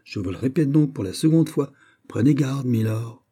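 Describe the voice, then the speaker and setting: A man reading aloud, voicing a calm, cold and proud young French nobleman in an audiobook. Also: medium pitch, normal speed, husky, voice pushed up. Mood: haughty.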